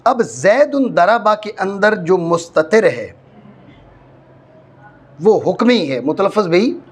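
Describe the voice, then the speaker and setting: A man from Pakistan leads an Arabic grammar lesson, walking students through it step by step, going back over points, and checking often that they follow. He has a high-pitched, animated voice with a breathy edge.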